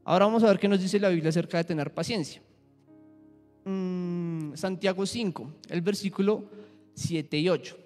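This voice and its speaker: A young man leads a church youth lesson, his voice a touch high as it carries through a reverberant hall. He keeps asking the group questions and acts out little scenes. Faint music sits underneath. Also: moderate pace, a little mellow. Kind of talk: interactive Bible lesson.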